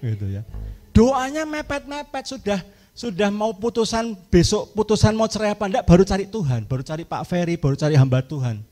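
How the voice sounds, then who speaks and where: A middle-aged man with a Javanese-tinged Indonesian accent, preaching a humorous, lively sermon at a women's camp and acting out people's voices. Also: a little fast. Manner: humorous, acts out congregants in high voices, mixes in Javanese words. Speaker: pastor, speaker at a women's camp.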